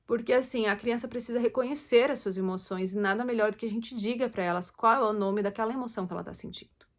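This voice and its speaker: A woman's voice: fairly high pitch, fast. A woman gives casual advice to parents, chatty and loose, with many fillers and self-corrections. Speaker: host talking to parents.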